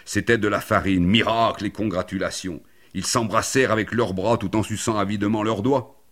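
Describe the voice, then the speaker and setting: A man narrating an absurd comic story in a deadpan, mock-learned way, full of wordplay. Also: lowish voice, brisk.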